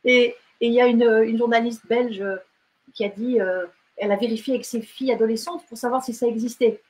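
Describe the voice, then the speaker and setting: A woman's voice: fairly high pitch, fairly even intonation, a little fast, darkish tone, poor audio. A woman novelist talking casually in an interview, hesitant, with many fillers and restarts. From France and Britain. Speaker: novelist guest.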